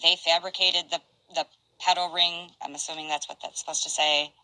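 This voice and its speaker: An older woman casually chatting on a stream, reading out messages in a halting, rambling way. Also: sits low, steady tone, bright, forceful tone, dry recording, rough recording. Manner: rambling, halting, restarts and asides.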